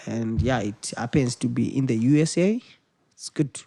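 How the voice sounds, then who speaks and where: A man, a musician answering interview questions in a halting way and repeating words as he searches for phrasing. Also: medium pitch, vocal fry, mellow, dry recording. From Zimbabwe. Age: 20s. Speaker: musician guest.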